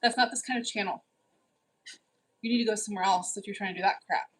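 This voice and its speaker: Forties woman live chatting with viewers, husky voice, teasing and bossy. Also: medium pitch, quick pace, rough recording. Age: 40s. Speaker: livestream host. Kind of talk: casual live chat reading.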